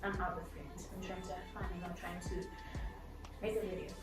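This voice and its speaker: A woman's voice: lowish voice, little pitch movement, fairly quick. A twenty-year-old woman from South Africa telling her story in a casual, rambling vlog, full of fillers and restarts. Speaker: vlogger. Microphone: laptop or phone camera mic. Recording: echoey room, voice from a distance, music playing.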